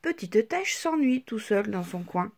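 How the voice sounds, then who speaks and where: A woman reading a children's picture book aloud in a slow, expressive way. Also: medium pitch, slightly rough. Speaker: storyteller.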